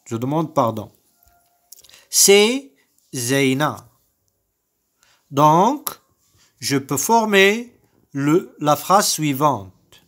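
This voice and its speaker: A man with a Moroccan French accent teaching young children to read, saying words and syllables slowly and repeating each one. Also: fairly high pitch, sing-song, fairly bright tone. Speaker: primary school teacher. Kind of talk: slow recorded reading lesson for young children.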